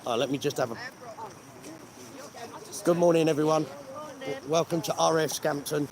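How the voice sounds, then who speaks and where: A man's voice: a little high, moderate pace. A cold, shivering man, giving blunt, sarcastic, sweary commentary to his phone camera outdoors. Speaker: vlogger filming a remembrance gathering. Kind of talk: casual live commentary to camera. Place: outdoors at a gathering. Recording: outdoor crowd noise behind.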